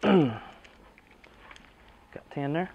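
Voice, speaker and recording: A man's voice: a little high, expressive, drawn-out words, vocal fry, phone-quality sound. A middle-aged American man, a basketball coach, giving a motivational locker-room pep speech in short emphatic phrases with rhetorical questions. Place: indoor team locker room. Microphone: camera a few metres away.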